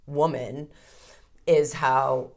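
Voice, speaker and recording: Woman, fifties, low-pitched, frank, reflective, podcast interview guest. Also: steady tone, extremely slow, darkish tone. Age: 50s. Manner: frank, reflective, casually swears. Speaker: codependency counselor and ceremony guide.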